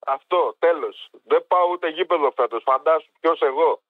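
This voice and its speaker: A man from Greece phones a sports radio show and chats in a joking, fan-style way. His voice is high. The sound is dull, like an old phone line. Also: no room sound. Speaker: radio caller. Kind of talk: casual phone-in chat.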